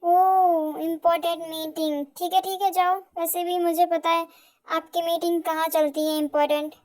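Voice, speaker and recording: A woman voicing a lively, protective younger sister who chatters excitedly and gets indignant, in an amateur fan audio drama. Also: very high voice, normal speed. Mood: teasing.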